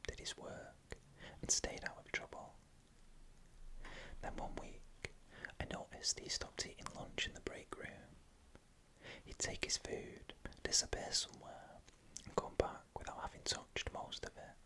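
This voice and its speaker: An ASMR storyteller narrates scary tales entirely in a whisper. The sound is bright and sibilant, with no voiced tone underneath. The delivery stays hushed, like scripted bedtime horror. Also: a little slow. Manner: hushed, unvoiced whispering throughout.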